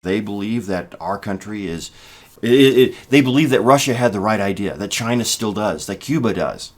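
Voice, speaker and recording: A man in his fifties speaks in a fairly low voice, giving political commentary straight to camera. He talks in a measured, halting way, restarting phrases and leaning hard on key words. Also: lively intonation. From United States. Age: 50s. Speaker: political vlogger. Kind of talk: casual spoken commentary.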